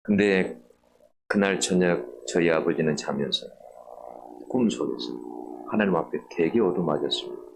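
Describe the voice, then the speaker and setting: A middle-aged man preaching a sermon, telling a personal story earnestly and rising higher and louder to stress key points. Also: moderate pace, creaky, pauses often, noisy background. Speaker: pastor. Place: church sanctuary.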